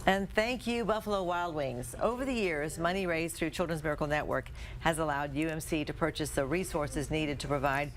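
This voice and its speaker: A woman's voice: deep voice, a little fast, few pauses, faint music behind. A woman news anchor presenting scripted copy in a studio news style.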